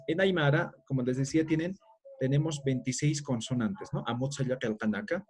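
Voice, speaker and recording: A man's voice: medium pitch, darkish tone. A middle-aged man teaching a language class, explaining step by step and checking in with listeners after nearly every phrase. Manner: explanatory, tag questions after each phrase. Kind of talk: classroom-style lecture.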